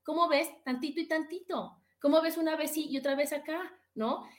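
A Mexican woman with a high, light voice talks through emotions and boundaries like a therapist chatting with her viewers. She repeats phrases for emphasis and keeps tossing out rhetorical questions in a lively, conversational flow. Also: brisk. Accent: Mexican Spanish. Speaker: therapist hosting a live advice talk. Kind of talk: casual advice talk, answering viewer comments.

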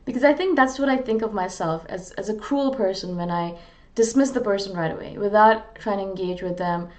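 An Indian woman vlogs about personality types in a casual, reflective monologue, candid, earnest, and self-deprecating. She speaks briskly in a mid-range voice.

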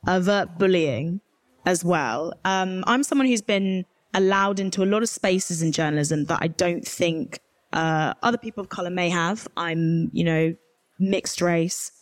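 At a live event, a young journalist on a panel answers interview questions candidly and conversationally, adding emphatic asides. She comes from rural Herefordshire, England, has a modern RP accent and a lowish voice, and speaks at a measured pace with no echo.

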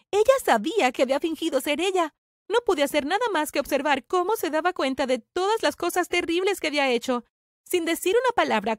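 High-voiced young woman telling her story. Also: no echo, clean studio sound. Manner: dramatic confessional telling. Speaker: narrator. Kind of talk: first-person story narration.

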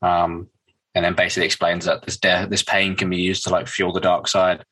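A man's voice: low-pitched, completely flat delivery, brisk, sharp tone, breathy edge, low-quality recording. A man co-hosting a podcast, casually retelling comic scenes with filler words. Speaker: podcast co-host.

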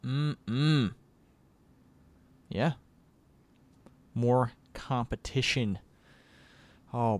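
A man hosting a casual gaming podcast, leading segments with a teasing, chatty manner. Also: medium pitch. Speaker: podcast host.

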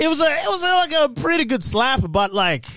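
A man's voice: very high-pitched, big pitch swings, fairly quick, bright, forceful tone, no room sound, studio quality. A man hosting a casual podcast like a rowdy frat bro, talking in crude slang with plenty of swearing. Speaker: podcast host. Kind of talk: crude casual banter with a co-host.

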